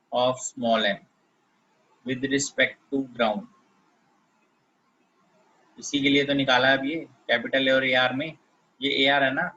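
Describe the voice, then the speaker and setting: A man's voice: medium pitch, bright, forceful tone, muffled recording. A man teaching physics in a classroom lecture, explaining step by step and often checking that students follow.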